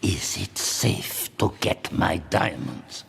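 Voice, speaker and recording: In a radio drama, a male actor plays a cold, courteous, sadistic older torturer, speaking in measured, pedantic phrases with menacing pauses as he coldly explains. His low voice is gravelly, expressive and a bit bright, and the performance is heavily acted. A little hiss or hum sits under the recording.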